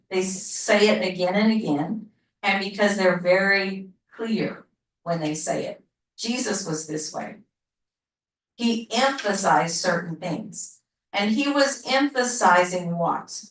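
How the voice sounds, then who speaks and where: Slow, roomy woman teaching a Bible class. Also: mid-range voice, distant mic. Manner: slow, repetitive, asks the class questions. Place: church classroom. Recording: roomy, from off mic.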